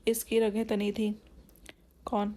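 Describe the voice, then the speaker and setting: Woman narrator for a romance audiobook, gravelly and flat, steady read. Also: mid-range voice. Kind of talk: scripted novel narration.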